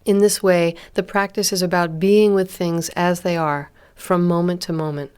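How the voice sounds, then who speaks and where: Leading a body scan meditation, this instructor has a smooth, fairly low voice. Her gentle, calm delivery is unhurried and full of long pauses.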